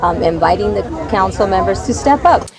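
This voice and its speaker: A woman's voice: mid-range voice, expressive, a little fast. A woman with a mid-range voice makes her case earnestly. Crowd noise fills the background.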